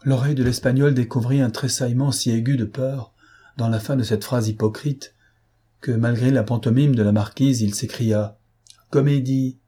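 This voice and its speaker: A man narrating a novel as an audiobook in a measured, steady way. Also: medium pitch, husky.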